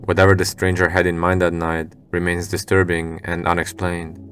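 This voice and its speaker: A man reading scripted narration for a scary video compilation in a measured, serious storytelling manner. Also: deep voice, completely flat delivery, fairly bright tone.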